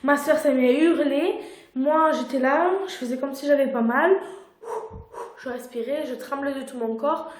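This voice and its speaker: Young woman vlogger, casual storytelling, full of fillers and restarts, slightly high pitch, recorded on a phone in a roomy, echoey space. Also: normal speed. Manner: chatty, many fillers and restarts. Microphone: phone camera. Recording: echoey room.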